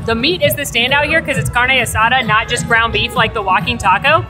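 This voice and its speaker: A woman's voice: on the high side, fairly quick. A woman narrating a vlog as host in a chatty, informal, casual way. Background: music.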